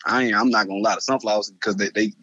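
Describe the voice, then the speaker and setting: A man's voice: lowish voice, steady tone, very fast, a bit bright, no echo. A man talks in a loose, rambling way, often repeating words and laughing at himself. The sound is dry and dull, as if from a lo-fi recording. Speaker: guest. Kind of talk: casual conversation.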